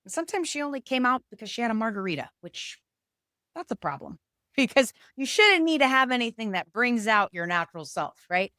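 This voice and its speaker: A woman's voice: on the high side, fairly quick, dry recording, clean studio sound. A woman in her forties, a podcast host, talking candidly about relationships and acting out little quoted inner voices. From Puerto Rico. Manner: animated and candid, acts out quoted inner voices, some laughs. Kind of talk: reflective solo talk to camera.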